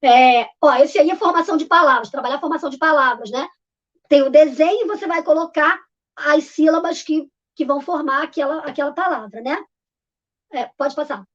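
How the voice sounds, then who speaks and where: A woman's voice: sits high, fairly quick. Woman teacher explaining slides, lo-fi sound. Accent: Brazilian Portuguese. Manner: explanatory, informal, many fillers and restarts. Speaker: literacy teacher presenter. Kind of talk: live online talk presenting slides. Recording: dull lo-fi audio.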